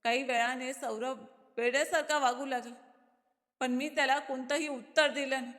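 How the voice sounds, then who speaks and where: A woman reading a first-person story aloud in a steady, dramatic way. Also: high voice, normal speed. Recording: long hall reverb.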